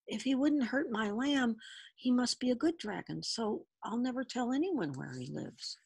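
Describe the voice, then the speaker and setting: Woman doing a high eager farm boy. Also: expressive, normal speed, gravelly, breathy edge, heavily acted. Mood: firm. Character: earnest kind young farm boy. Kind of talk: storybook read-aloud.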